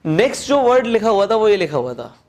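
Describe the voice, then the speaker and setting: A man with a Hindi accent giving a spoken English lesson, explaining step by step and reading English phrases slowly aloud. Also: high voice, sing-song, a little mellow. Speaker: English teacher.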